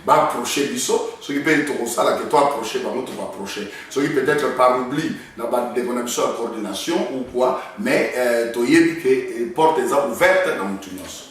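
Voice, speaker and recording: A man with a Congolese accent, a pastor answering an interviewer in a measured, reassuring way. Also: mid-range voice, far from the mic. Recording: echoey, mic held off.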